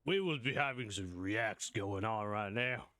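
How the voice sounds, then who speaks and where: A man's voice: on the low side, expressive, measured pace, sharp tone, no room sound, studio quality. A man chatting casually to himself as he plays a video game on stream, with mumbled asides. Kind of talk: casual gameplay commentary.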